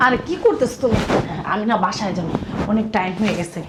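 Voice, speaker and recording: A woman's voice: mid-range voice, expressive, fast, heavy background noise, natural voice. A woman playing an anxious young fiancée who pleads and worries. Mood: pleading. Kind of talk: amateur short-film acting.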